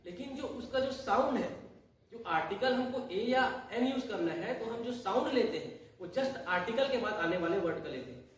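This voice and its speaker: A man's voice: very high-pitched, expressive, normal speed, dull audio. A man teaching English grammar in a lesson, repeating points and asking rhetorical questions. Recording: echoey room, voice from far off.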